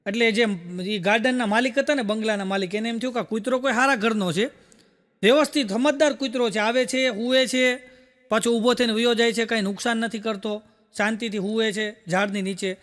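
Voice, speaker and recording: Fairly quick and steady in tone, a man with a very high, somewhat bright voice delivers folksy stand-up jokes to a live crowd. His stories lean heavily on "I said" and "he said," and the hall reverb is long.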